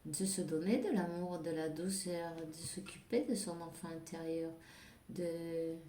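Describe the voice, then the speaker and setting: A woman's voice: on the low side, fairly even intonation, unhurried, warm tone, slight background noise. A woman doing a casual spiritual card reading, hesitant with many fillers and restarts. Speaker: tarot card reader. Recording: echoey room.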